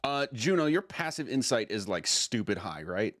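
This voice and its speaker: A man's voice: lowish voice, sing-song, normal speed, fairly bright tone, dry recording. A man acting as game master, narrating and chatting casually at a tabletop game. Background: faint music.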